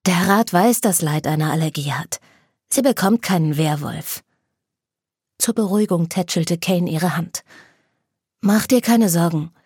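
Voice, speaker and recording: A woman reads a novel aloud with an even, storytelling delivery. Her voice is soft and breathy, recorded close and dry with no room sound. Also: mid-range voice, no echo. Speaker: narrator. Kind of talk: scripted narration.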